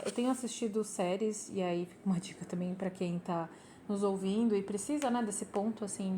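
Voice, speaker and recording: Woman host, mid-range voice, gentle and halting delivery. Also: mid-range voice, slight background noise. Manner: gentle, hesitant, many fillers. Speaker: podcast host. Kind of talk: casual interview conversation.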